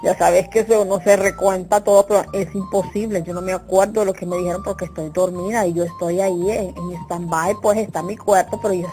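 A woman's voice: mid-range voice, warm tone. A young woman performing a chatty, exaggerated comic monologue and often checking that the listener follows her. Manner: chatty, exaggerated, keeps asking "you get me?". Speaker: comedian.

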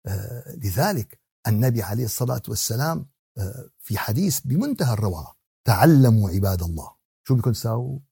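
Male preacher, Syrian Arabic accent. Mellow, husky voice; didactic yet conversational Quran teaching, with rhetorical questions and repeated key words. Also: mid-range voice, lively intonation, fast, dry recording, clean studio sound. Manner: conversational, with everyday examples and acted exchanges. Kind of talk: religious lesson on Quran exegesis, mixing classical recitation with colloquial talk.

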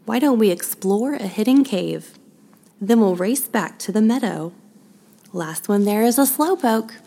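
A woman voicing a kind, steady father rabbit in a storybook, speaking calmly and reassuringly. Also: mid-range voice, unhurried, voice pushed up. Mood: gentle.

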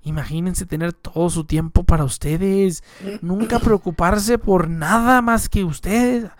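A man's voice: sits high, measured pace. Man, podcast host, slangy and profane, casual joking banter. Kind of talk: casual chat.

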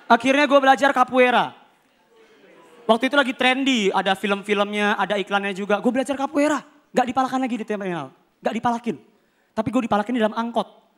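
High, bright-voiced man doing stand-up. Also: fast. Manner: animated, acts out characters with shouts and shifting voices. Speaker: stand-up comedian. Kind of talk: stand-up comedy routine.

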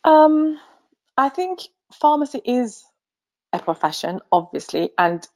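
Her voice is high, sing-song and darkish in tone, and she talks slowly. A middle-aged Finnish pharmacy association chief executive, she gives a remote interview as a guest, reflecting carefully with frequent ums and ready laughs.

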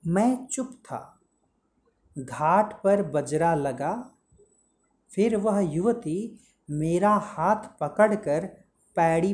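A woman's voice: on the low side, mellow. A woman teacher reading a story aloud and explaining it, stopping to ask and answer her own questions and to explain word meanings, with English words mixed in.

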